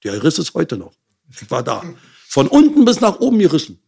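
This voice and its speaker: A man's voice: fairly high pitch, wildly swooping pitch, a little fast, creaky, darkish tone, breathy edge. An older man telling his hard life story as an interview guest, blunt and swearing. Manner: blunt, swears, relives angry outbursts.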